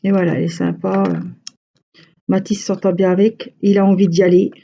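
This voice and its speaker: A woman's voice: medium pitch, level tone, moderate pace, mellow, highs cut off, a little hiss or hum. A woman with a Franche-Comté French accent, chatting casually and rambling to her viewers as a crochet vlogger.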